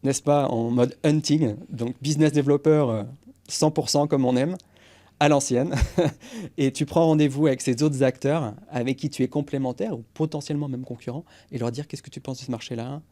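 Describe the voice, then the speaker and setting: A man's voice: medium pitch, steady tone, moderate pace, warm tone. A man in his forties, a guest on a podcast interview, explaining go-to-market strategy with energy and English business jargon.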